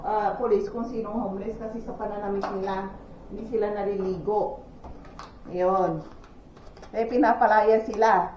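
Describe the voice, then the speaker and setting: A woman's voice: medium pitch, a little mellow, slight background noise. Filipina woman gossiping to her viewers, roomy echo, kinda dull muffled sound. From Philippines. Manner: chatty, gossipy storytelling with frequent exclamations and laughs. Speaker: vlogger. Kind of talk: casual chat to viewers. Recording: echoey, dull lo-fi with faint ambience.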